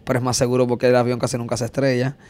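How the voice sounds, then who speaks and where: A man's voice: mid-range voice, very fast. A man, telling a road-trip story in casual chat and acting it out with sound effects. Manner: animated, acts out scenes with sound effects.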